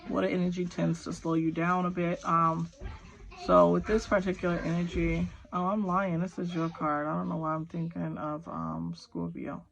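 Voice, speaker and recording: At home with kids nearby, a woman gives a casual tarot reading, rambling with plenty of fillers and speaking straight to the viewer. Her voice is fairly low with vocal fry, at a moderate pace, and the recording quality is low.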